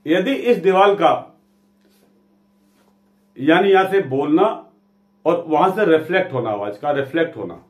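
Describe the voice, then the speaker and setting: A man's voice: on the high side, expressive, a little slow, pauses often, reverberant. A man teaching a physics lesson, who often asks a question and then answers it himself.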